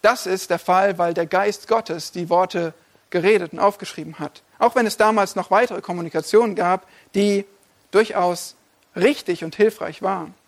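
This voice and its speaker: A man's voice: sits high, normal speed. A male pastor preaching a sermon, addressing listeners directly with emphatic, repeated lists.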